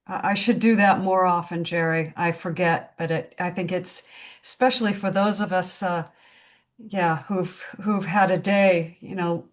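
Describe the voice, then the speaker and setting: A woman facilitating a spiritual discussion group over a video call, speaking in a slow, reflective, contemplative way. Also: on the low side.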